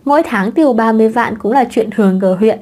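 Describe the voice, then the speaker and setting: A woman narrating a romance novel with an expressive storytelling reading. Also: fairly high pitch, fast. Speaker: audiobook narrator.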